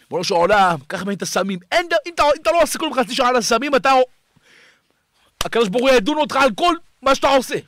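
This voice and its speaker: A rabbi preaching a fiery sermon, shouting and pleading, swinging between loud cries and hushed tones. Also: male voice, very high-pitched, lively intonation. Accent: Israeli Hebrew. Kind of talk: impassioned sermon.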